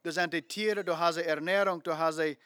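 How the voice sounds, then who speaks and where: A man's voice: a little high, fairly even intonation, a little fast, fairly bright tone, no room sound. A man preaching a sermon, emphatic, repeating phrases and asking rhetorical questions.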